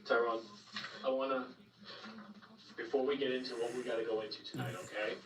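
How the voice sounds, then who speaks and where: Male detective, calm and coaxing, old interrogation tape: distant room mic, roomy echo. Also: medium pitch, a little fast. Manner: calm, coaxing, repeats "okay?". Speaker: sheriff's detective. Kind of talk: police interrogation. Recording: echoey room tape from a distance, faint hiss.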